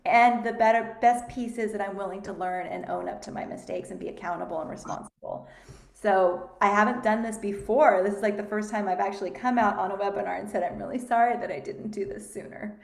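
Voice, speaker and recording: A woman hosting a webinar conversation, earnest and a little rushed. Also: medium pitch, creaky. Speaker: host. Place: online webinar call. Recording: echoey room with faint noise.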